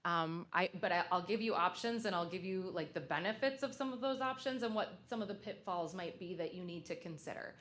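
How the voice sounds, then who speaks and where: A woman's voice: fairly low pitch, a little fast, few pauses, a bit bright. A woman consultant presenting to a school board at a public meeting, conversational and loose, with frequent fillers and restarts.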